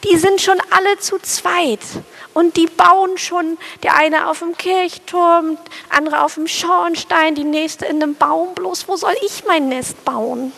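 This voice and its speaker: A woman's voice: very high-pitched, steady tone, unhurried, creaky, fairly bright tone, voice pushed up, heavily acted. A woman voicing a small, timid male sparrow who frets and worries in anxious, whiny questions.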